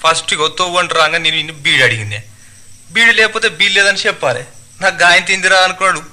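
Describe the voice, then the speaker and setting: A man voicing a quarrelsome village tailor, loud and indignant, with a Telangana Telugu accent. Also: high voice, lively intonation, fast talker, pitched above the performer's own voice, exaggerated voice.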